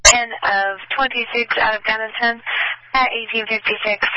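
A woman's voice: fairly high pitch, steady tone, normal speed, no echo. A woman working as a police dispatcher, reading out plate checks over police radio in a level, clipped way. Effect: police radio transmission. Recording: dry, muffled radio audio.

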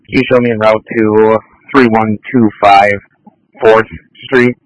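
A man's voice: on the low side, steady tone, a little slow, no room sound, rough recording. A man heard over a police radio transmission, a responding officer making a terse, clipped radio call and reading back an address.

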